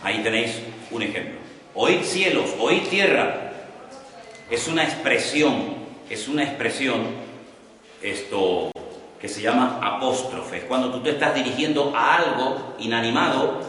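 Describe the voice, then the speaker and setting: A male pastor teaches a Bible class, repeating his points slowly so people can note them. His voice comes from some distance. It rings out in a big, echoey church hall with a long reverb tail. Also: medium pitch, a bit bright.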